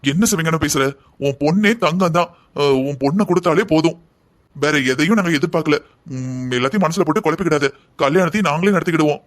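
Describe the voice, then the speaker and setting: A man acting out a kindly middle-aged uncle figure in a cartoon family story. He reassures everyone quickly, in a voice a touch higher than most men. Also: natural voice. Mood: reassuring. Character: kindly middle-aged brother of the groom's mother.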